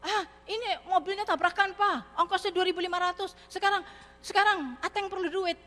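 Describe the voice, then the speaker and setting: A woman's voice: very high voice, fairly even intonation, brisk, pushed and bright, pitched above the performer's own voice. A woman voicing a careless young male student begging his father for money, in a wheedling, coaxing manner. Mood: pleading. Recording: reverberant church hall.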